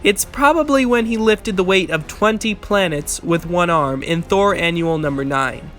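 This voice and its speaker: Man, fairly high voice, scripted video commentary, argumentative and corrective, music playing behind. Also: normal speed, a bit bright.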